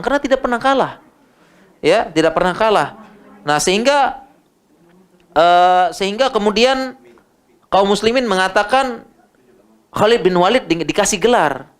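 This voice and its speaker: A middle-aged man with an Indonesian accent delivers an informal religious lecture and takes audience questions, speaking animatedly and repeating words for emphasis. His voice is a little high with a clean tone.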